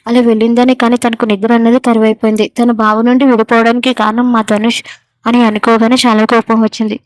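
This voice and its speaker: A woman storyteller reading a story in a steady, even way. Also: a little high, no echo. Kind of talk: story narration.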